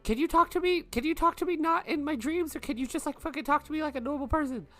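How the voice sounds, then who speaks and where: A tabletop player voicing a brash young woman adventurer in a loud, high, pushy voice. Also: sing-song, a little slow, soft background music. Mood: urgent.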